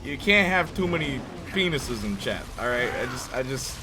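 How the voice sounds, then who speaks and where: A man's voice: mid-range voice, lively intonation, moderate pace, music in the background, lightly acted. A man voicing a brash, streetwise male tough guy with a New York accent. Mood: mock-stern. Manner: wisecracking, streetwise. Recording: noisy background hiss.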